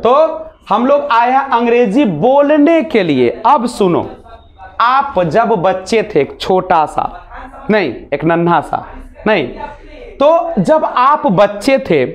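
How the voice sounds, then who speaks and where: Man teaching spoken English. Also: high voice. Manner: explains sounds by demonstrating them, asks rhetorical questions; mixes English phrases into his speech. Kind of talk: classroom lesson.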